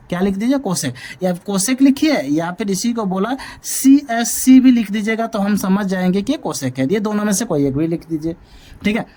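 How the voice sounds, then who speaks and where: A man gives a math lecture to a class, his voice pitched high with a darkish tone. His habit is to raise questions and answer them on his own, hammering home each point.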